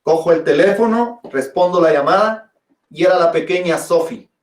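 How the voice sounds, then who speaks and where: A pastor from Guatemala preaches a sermon, sharing a personal testimony through dramatic storytelling and calling his listeners brothers and sisters. His voice is on the high side at a moderate pace, and the recording is echoey and distant.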